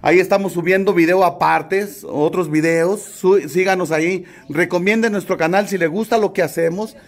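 A man's voice: high voice, normal speed, no echo. A man hosting a casual livestream, jovially greeting viewers by name and teasing the locals. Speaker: vlogger and livestream host.

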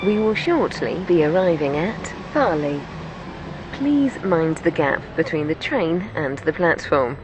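A woman as formal train announcement voice, lowish pitch, lively intonation, measured delivery. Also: background noise. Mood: formal, neutral. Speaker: automated onboard train announcer.

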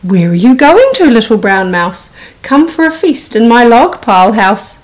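A woman's voice: a little high, big pitch swings, normal speed. A woman voicing a sly, easily startled male snake in a children's storybook. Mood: coaxing.

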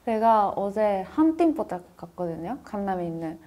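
A woman in her twenties from Japan with a Japanese accent in Korean, chatting casually in halting, simple non-native phrasing. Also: medium pitch, big pitch swings, warm tone. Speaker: interviewee in a reaction video. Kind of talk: casual chat.

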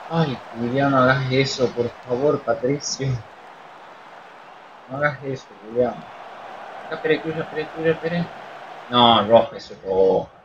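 Swearing Argentine gamer, dull home mic. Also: male voice, medium pitch, unhurried, pauses often, noisy background. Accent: Argentine Spanish. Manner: reactive and swearing, with sudden excited shouts. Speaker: gaming youtuber. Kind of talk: casual live gameplay commentary.

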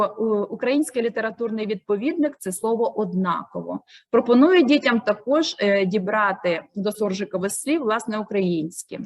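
A woman teacher with a Ukrainian accent, explaining teaching methods with frequent hesitations. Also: on the high side.

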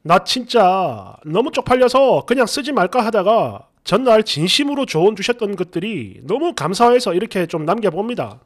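A man's voice: high voice, sing-song, moderate pace, hardly any pauses. A man narrating an online post in the first person, telling the story with exasperation.

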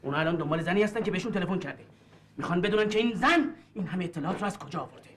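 A harsh, contemptuous schemer. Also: male voice, sits high, animated, fairly bright tone, a little hiss or hum. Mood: angry. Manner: angry, contemptuous, commanding. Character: harsh, controlling man, scheming accomplice. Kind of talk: film dialogue.

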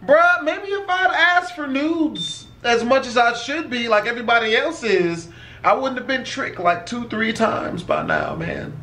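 A man's voice: very high-pitched, big pitch swings, unhurried, pushed and bright, slight background noise. A man hosting a casual reaction video, rambling and swearing freely as he talks. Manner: rambling, profane, easily set off. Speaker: YouTube reaction host.

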